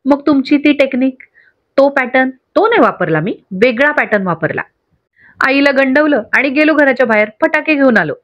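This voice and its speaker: A woman's voice: sits high, normal speed, dull audio. A woman voicing a cheeky, playful young man who jokes and teases his family. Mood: joking. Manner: joking, lively.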